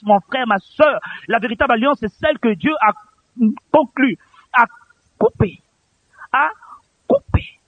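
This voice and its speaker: A man's voice: very high-pitched, slightly rough, no room sound. A man preaching a sermon in a church, impassioned and pleading, repeating his phrases for emphasis. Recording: tinny phone-like recording.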